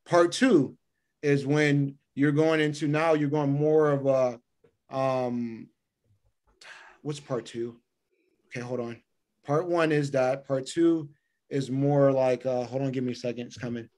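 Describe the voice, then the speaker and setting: A middle-aged man, a podcast guest on a video call from an indoor room by a window, explains his routines conversationally and repeats phrases for emphasis. His voice is medium-pitched, steady, a little mellow and slightly slow, with long pauses.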